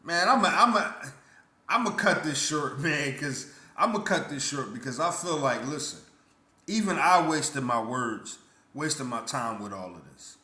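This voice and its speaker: A man's voice: a little high, expressive, a little slow, sharp tone. A man vlogging his blunt, indignant opinion in casual speech full of stammered restarts. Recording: roomy echo.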